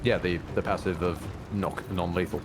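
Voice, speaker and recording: This video game streamer has a low, steady voice and talks at a moderate pace as he gives casual gameplay commentary. Game music plays clearly behind him, making the background noisy.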